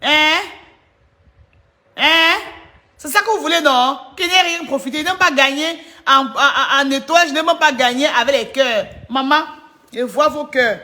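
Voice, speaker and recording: Teasing woman with a sharp voice. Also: sits high. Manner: teasing, laughing often, chatty asides to viewers. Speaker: live streamer. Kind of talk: mocking live-stream gossip commentary.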